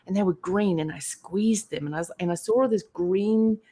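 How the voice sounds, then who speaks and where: A middle-aged woman with a New Zealand accent, telling her life story as a guest in a casual interview, animated and quick to act out quotes. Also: mid-range voice, husky. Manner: animated, acts out quotes in voices. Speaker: guest entrepreneur.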